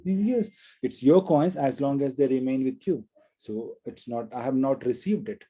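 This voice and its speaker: A man's voice: mid-range voice, normal speed, breathy edge, close to an everyday voice. A man voicing a serene unbothered sage. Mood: calm. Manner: calm, patient explaining. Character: calm serene male sage, unbothered teacher.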